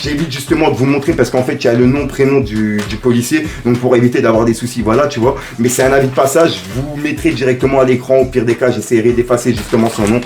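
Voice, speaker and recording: A man's voice: medium pitch, steady tone, fast talker, hardly any pauses, darkish tone, roomy sound, a little hiss or hum. A man ranting casually to his viewers, rambling and talking straight to camera. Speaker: YouTuber. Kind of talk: casual vlog monologue.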